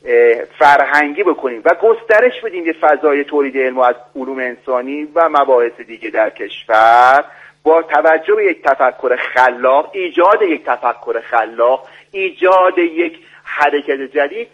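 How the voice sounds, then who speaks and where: A man calling in by phone as a guest expert on a radio show, speaking formally in a lecturing way with many pauses. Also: medium pitch, expressive. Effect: voice heard over a phone line on the radio. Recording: dull lo-fi phone line.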